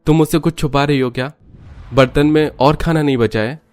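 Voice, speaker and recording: A man's voice: fairly high pitch, fairly even intonation, fairly quick, clear, resonant tone, dry recording, soft background music, close to an everyday voice. A man voicing a poor, weary woodcutter who is a family father and speaks in a humble, pleading tone, in storybook acting. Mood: worried.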